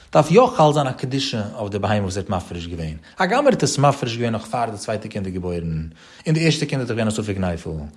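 A man's voice: mid-range voice, darkish tone. A man teaching a traditional religious text, speaking in a singsong study cadence with rising and falling phrases.

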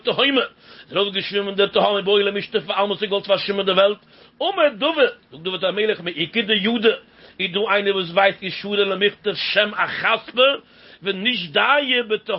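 High-voiced man teaching, dull lo-fi sound. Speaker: religious teacher. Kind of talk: religious lesson on scripture. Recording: dull lo-fi recording.

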